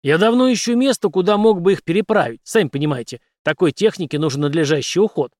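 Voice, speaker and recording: Guy reading a grim hard army captain, clipped lines, kinda higher voice, dry sound. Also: lively intonation, fast talker, darkish tone, no echo, lightly acted. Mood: weary. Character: gruff hardened male soldier captain.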